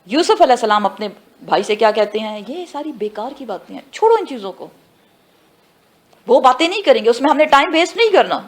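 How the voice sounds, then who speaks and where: A woman giving a tafsir lesson who asks her students questions and answers them herself, mixing in English phrases and slowing down for the Arabic words. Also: fairly high pitch, sing-song. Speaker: Quran teacher. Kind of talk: tafsir class lecture.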